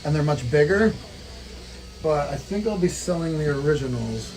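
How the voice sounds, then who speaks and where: A tattoo artist with an Irish accent, chatting on a livestream in a laid-back, dry, joking way. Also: male voice, on the high side, lively intonation, moderate pace, darkish tone, poor audio. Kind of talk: casual livestream chat.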